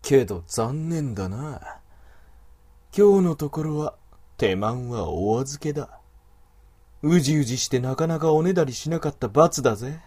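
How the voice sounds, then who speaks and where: A man's voice: medium pitch, lively intonation, a little slow, mellow. A man voicing a sneering wolf creature. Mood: mocking. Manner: rough, sneering, commanding. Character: domineering, mocking male wolf creature. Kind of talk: adult audio drama.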